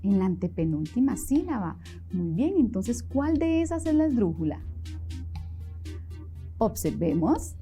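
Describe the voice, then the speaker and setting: A woman teaching a televised class for children, asking questions and encouraging them in a lively way, with a Costa Rican accent. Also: fairly high pitch, unhurried, long pauses, soft background music.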